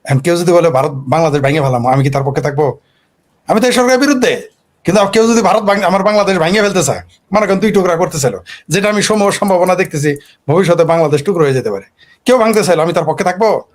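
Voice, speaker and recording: Guy ranting about politics, high voice, keeps throwing questions at you. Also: rapid-fire. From Bangladesh. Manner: argumentative, fires off rhetorical questions. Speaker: political commentator. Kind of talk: animated political monologue.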